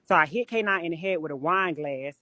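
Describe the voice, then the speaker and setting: A woman with a low, bright, forceful voice talks a little fast in a dry recording made on a phone or webcam. During casual live-stream chat, she tells her stories bluntly and with lots of profanity.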